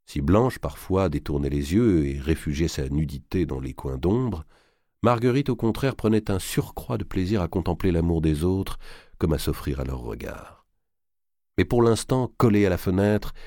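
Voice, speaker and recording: A man reading a historical novel aloud in a measured, literary narration. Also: low-pitched, dark tone, dry recording, clean studio sound. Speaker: audiobook narrator. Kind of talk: scripted narration.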